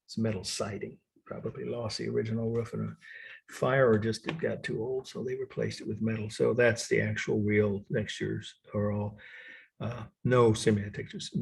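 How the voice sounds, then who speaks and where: A man lecturing on art history to a college class in a low, gravelly voice with a husky edge. He explains step by step, stops to spell out terms letter by letter, and fills his pauses with "uh". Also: darkish tone. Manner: explanatory, spells words out slowly, frequent uh fillers.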